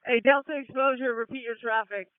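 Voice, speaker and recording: High-pitched man barking orders over radio. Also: steady tone, smooth, dry recording. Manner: brisk, clipped orders. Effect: two-way radio transmission. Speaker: fire incident commander. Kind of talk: fireground radio traffic. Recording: tinny dry radio channel.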